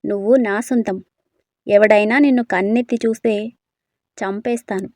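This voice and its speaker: A woman's voice: medium pitch, steady tone, moderate pace, a little mellow, dry recording, natural voice. A woman voicing a possessive, hot-headed young man who talks bluntly. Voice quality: blunt, threatening.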